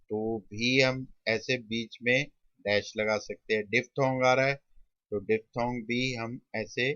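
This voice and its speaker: A male shorthand tutor stretches out each sound as he teaches, slipping English terms into his lesson. His voice is bright and forceful. The recording is dry and a little dull. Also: medium pitch, dry recording. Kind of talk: classroom lesson.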